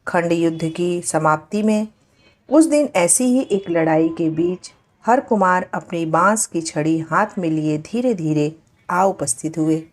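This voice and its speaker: Slow, low-voiced woman storyteller. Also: a little mellow. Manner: measured, formal reading. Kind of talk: scripted story narration.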